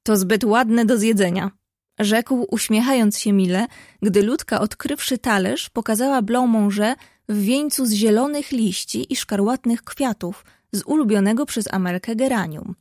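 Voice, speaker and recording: A woman's voice: a little high, moderate pace, a little mellow, no room sound, studio quality. Woman narrating a storybook. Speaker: audiobook narrator.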